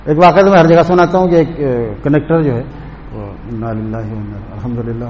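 A man's voice: medium pitch, dull audio, slight background noise. A man giving a storytelling sermon in a mosque, acting out the people in his anecdotes and sometimes singing a couplet. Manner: storytelling with acted quotes and a sung couplet. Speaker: religious teacher. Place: large mosque. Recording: long hall reverb.

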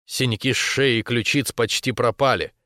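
A man narrating a first-person romance novel as an audiobook, in a steady, intimate storytelling voice. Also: mid-range voice, normal speed, dry recording, studio quality.

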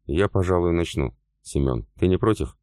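A man reading the lines of a refined aristocratic young wife in an audiobook, in composed, measured speech. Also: low voice, expressive, darkish tone, no room sound, studio quality. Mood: cool.

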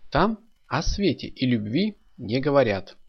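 A man voicing a wise older woman mentor who speaks in a measured, admonishing way in an audiobook story. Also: medium pitch, big pitch swings, vocal fry, husky, exaggerated voice. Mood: stern. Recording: dull lo-fi audio.

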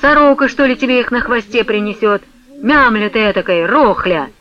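A loud, blustering old merchant , as a male reader puts him on, scolding in a high, bright voice. The sound is dull, like an old radio recording. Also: lively intonation, unhurried.

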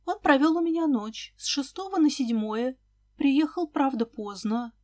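A woman's voice: sits high, lively intonation, measured pace, a little mellow, no room sound. Woman reading as a flustered, nervous woman. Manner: hesitant, uneasy replies.

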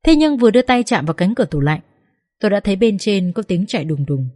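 A woman's voice: mid-range voice, sing-song, fast talker, a little mellow, no room sound, clean studio sound. A woman narrating a first-person family drama in a tense, emotional reading. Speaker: audiobook narrator.

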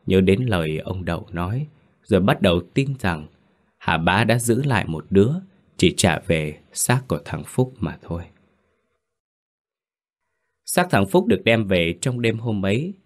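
Casting: male storyteller, low voice, grave and tense horror narration.

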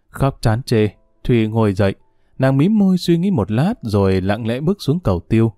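A man narrating a dramatic audiobook in an expressive, emotive way. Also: mid-range voice, no echo. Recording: dry studio voice over faint music.

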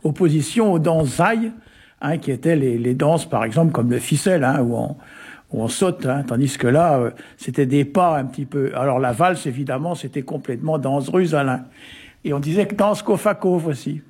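Guy from brittany rambling about words, bit husky, fairly high voice, lots of euh and hein. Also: moderate pace, darkish tone. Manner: hesitant, many "euh" and "hein" fillers, chuckles often. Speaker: Breton language expert on a radio show. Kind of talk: casual explanatory chat.

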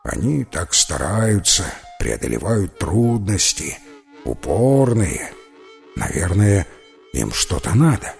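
A man's voice: low-pitched, big pitch swings, slow pace, creaky, a little mellow, faint music behind, heavily acted. A man voicing a shy, kindly male house spirit who speaks in a hesitant, folksy way. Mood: curious. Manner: hesitant, homely folksy speech.

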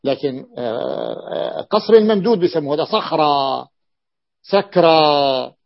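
A man teaches a class, repeating word patterns and stopping often to ask the students whether they follow. His voice is gravelly and sits slightly high. The recording is muffled and lo-fi. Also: animated, brisk. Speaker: teacher explaining Arabic morphology. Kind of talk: classroom lesson.

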